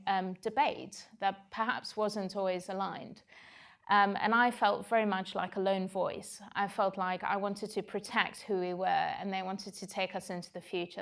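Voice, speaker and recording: A creaky, medium-pitched voice belongs to a South African woman in her forties giving a candid personal talk on stage. Reflective in tone and South African in accent, she fills her speech to the audience with "um."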